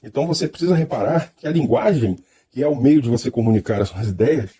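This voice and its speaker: A man's voice: medium pitch, animated, fast talker, dark tone, slightly rough. A man with a Brazilian Portuguese accent giving a reflective, lecture-style monologue, thoughtful and hesitant, often restarting his phrases. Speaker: speaker.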